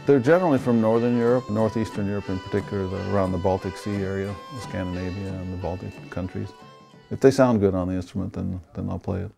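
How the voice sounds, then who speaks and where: A man from Sweden who builds instruments, explaining his work in an interview in an unhurried way with fillers. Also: sits low, steady tone, vocal fry, music in the background. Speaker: instrument maker.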